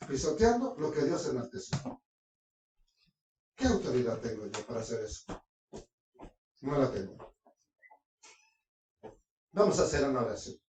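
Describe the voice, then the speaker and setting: A preacher delivers a sermon with a prayer, pitch leaping up and down through one pointed question after another. The voice is far from the mic, in a room with heavy, booming echo. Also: very animated, measured pace, long pauses, a little mellow, slight background noise. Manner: asks the congregation rhetorical questions, swinging pitch widely. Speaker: preacher teaching scripture.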